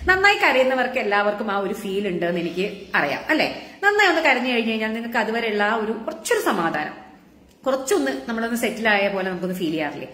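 A woman's voice: on the high side, very animated, fast, fairly bright tone, echoey room. A woman doctor giving a casual live-stream health talk, chatting with viewers and asking them rhetorical questions. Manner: conversational, asks the audience rhetorical questions.

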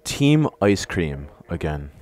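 A man chatting casually during a video game, laughing often and breaking into excited outbursts. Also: deep voice, slow pace, no echo, soft background music. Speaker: gamer on a live stream. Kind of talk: casual gaming chat.

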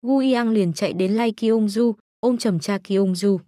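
A woman narrating a comic story recap in a brisk, plain storytelling manner. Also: medium pitch, dark tone, dry recording, studio quality.

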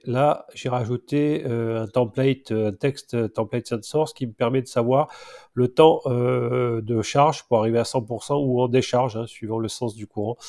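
A man in his forties with a nasal, stuffed-up voice from allergy, giving a casual, improvised screen-share tutorial in a hesitant, halting way. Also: medium pitch, dark tone. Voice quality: nasal, congested from a blocked nose. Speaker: vlogger showing his home solar setup.

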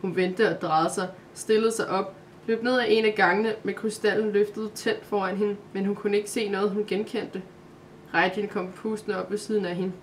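A woman narrating a Christmas calendar story aloud, in a calm, steady way. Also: mid-range voice, a little hiss or hum.

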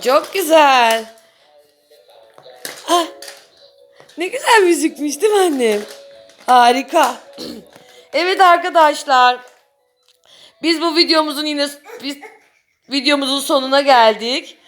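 A woman's voice: high-pitched, a little slow, pauses often, a bit bright, faint music behind. A young mother talking to her small children in a casual family vlog, coaxing and cooing at them.

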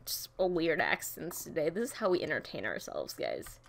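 A young woman with a low voice and vocal fry chats casually while playing a game, her pitch swooping wildly at a normal speed. She's a gaming streamer giving giggly, rambling gameplay commentary, jumping into silly voices and bits of song. Keyboard typing can be heard nearby, along with slight background noise.

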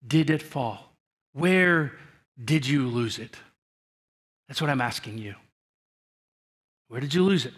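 A male pastor preaching a sermon in a church, speaking to the congregation in earnest and often restarting his sentences, his voice falling soft at the ends of phrases. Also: on the high side. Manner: earnest, repetitive direct address with frequent restarts.

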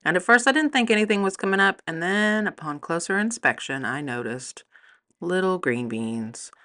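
Low-voiced woman vlogger, friendly and chatty, filming her garden outdoors on a phone. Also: expressive, moderate pace, sharp tone. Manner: chatty and upbeat, with some fillers. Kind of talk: casual garden tour narration.

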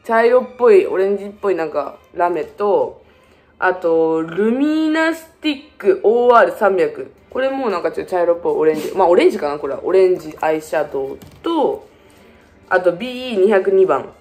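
A young woman with a chats quickly through a shopping haul and jumps between playful tangents and jokes at her own expense. Her pitch swings up and down a lot as she talks. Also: animated, darkish tone, soft background music. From Fukuoka, Japan. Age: 20s. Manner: joking, self-mocking, playful tangents. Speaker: beauty vlogger. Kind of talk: casual shopping haul vlog.

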